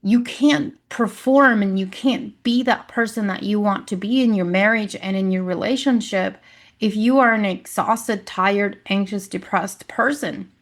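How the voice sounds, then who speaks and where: A woman's voice: mid-range voice, unhurried. A woman health coach hosting her own podcast, talking casually and with energy, often acting out what her clients say. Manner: energetic, conversational, acts out quoted clients.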